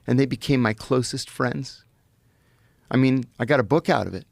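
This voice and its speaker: A middle-aged man telling stories as a podcast guest, animated and vivid, often restarting his sentences. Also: mid-range voice, moderate pace, vocal fry, no room sound, studio quality. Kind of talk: anecdotal storytelling in conversation. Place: podcast studio.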